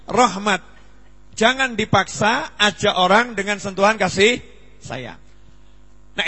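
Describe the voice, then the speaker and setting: A man in his forties giving a humorous sermon at a study gathering, lively and acting out dialogue with big jumps in voice. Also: high-pitched, breathy edge. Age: 40s. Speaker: preacher. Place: Islamic study gathering hall. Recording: long reverb in a hall.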